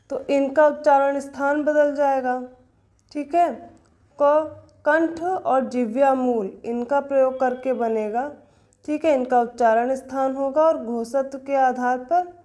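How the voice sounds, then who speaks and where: Mellow-voiced woman teaching a grammar lesson. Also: high voice. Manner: explains step by step, asks and answers her own questions. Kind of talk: exam-prep grammar lesson.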